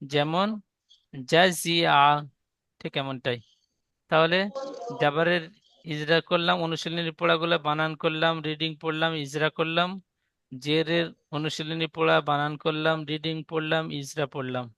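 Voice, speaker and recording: A man teaching a Quran reading class, spelling out letter sounds in a slow, patient, repetitive drill. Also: on the high side, little pitch movement, bright, forceful tone, clear, resonant tone, no echo.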